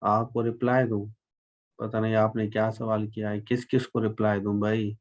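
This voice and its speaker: A man's voice: fairly low pitch, little pitch movement, moderate pace, highs cut off. An older man with a Pakistani accent teaching English in a live online class. He switches between Urdu-Hindi and English, repeats phrases and stretches out the example sentences. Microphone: computer microphone.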